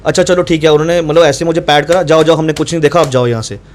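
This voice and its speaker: Brief: young adult man, rapid and insistent account, voice on the higher side, reenacts the argument. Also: fairly even intonation. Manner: fast, insistent, reenacts dialogue. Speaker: doctor recounting incident to reporter. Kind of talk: animated first-person account.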